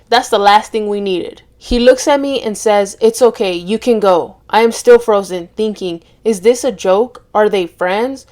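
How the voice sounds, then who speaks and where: A woman's voice: mid-range voice, a little mellow. A woman reading online stories aloud as a storytime host, breaking in with blunt, sarcastic asides.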